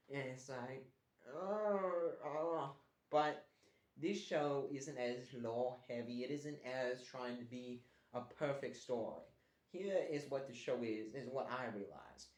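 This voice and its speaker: In an echoey room, a man with a mid-range, slightly mellow voice chats about a cartoon show in a fake Australian accent. His review rambles, with restarted sentences and playful complaining.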